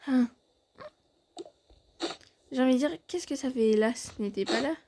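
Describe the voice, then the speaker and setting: A woman's voice: high voice, measured pace, noisy background. A woman voicing several family characters in a home-made fan drama, shifting her voice between the parts as they banter.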